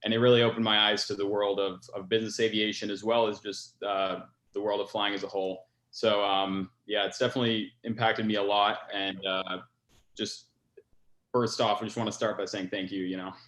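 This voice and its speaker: A man's voice: fairly low pitch, level tone, fairly quick, fairly bright tone. Earnest young man in an echoey room. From France. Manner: earnest, many uh fillers, grateful. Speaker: scholarship recipient, pilot. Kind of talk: interview answers.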